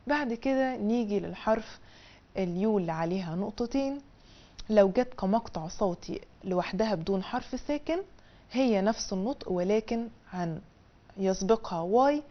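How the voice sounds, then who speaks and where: A woman with an Egyptian Arabic accent teaching a language lesson on television, explaining step by step in a colloquial way. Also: highs cut off. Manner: drills syllables in a high sing-song, then explains in colloquial Egyptian Arabic. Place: television studio.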